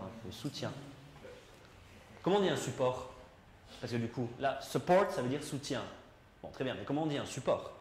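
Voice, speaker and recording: A man teaching an English class, explaining in a chatty way and putting questions to his students. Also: mid-range voice. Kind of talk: classroom lesson. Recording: roomy classroom echo, faint noise.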